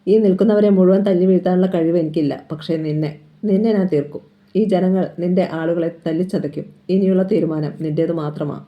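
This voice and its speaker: A narrator doing a fierce, scornful middle-aged strongman who spits out threats louder than the narration, in an audiobook-style crime reading. The sound is muffled and lo-fi. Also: medium pitch, fairly even intonation, brisk, lightly acted. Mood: menacing. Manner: menacing, taunting threats. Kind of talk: dramatic novel reading.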